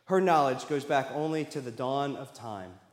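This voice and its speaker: A man voicing a great male lion king from a storybook, calm, grave and authoritative, with measured delivery. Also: medium pitch, natural voice. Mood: solemn. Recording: echoey hall with long reverb.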